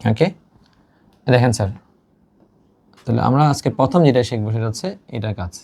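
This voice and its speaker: This male teacher's voice is medium-pitched and dark in tone, and he speaks fairly quickly. He's teaching an online exam-prep class, explaining things step by step and mixing in English words.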